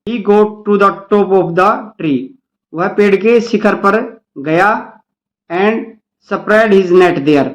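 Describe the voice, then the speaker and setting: A male teacher with an Indian accent reads each English line slowly, then explains it in Hindi to the children he calls dear kids. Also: high voice, highs cut off. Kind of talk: bilingual English-Hindi lesson.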